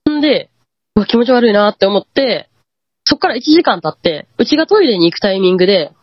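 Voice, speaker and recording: Husky Kansai woman telling ghost stories. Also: mid-range voice, fast, no echo. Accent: Kansai Japanese. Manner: animated, acts out quoted lines. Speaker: guest storyteller. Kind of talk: casual ghost-story telling. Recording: dull lo-fi dry audio.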